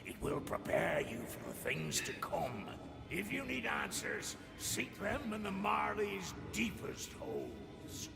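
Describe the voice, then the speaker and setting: An actor playing a gruff old sea dog, a scheming pirate captain who gives slow, theatrical warnings in a gravelly, whispery voice for a video game. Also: male voice, high voice, wildly swooping pitch, over music, full character voice. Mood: ominous, secretive. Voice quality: gravelly, breaking into hoarse whisper. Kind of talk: scripted dramatic game voice acting.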